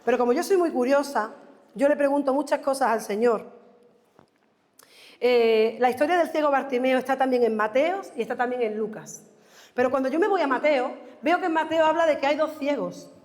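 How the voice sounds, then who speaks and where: A high-voiced woman preaching in an echoing church. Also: normal speed. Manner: fervent preaching, voices the crowd and the blind man when retelling. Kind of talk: sermon. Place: church hall. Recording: echoey hall reverb, church mic, soft music behind.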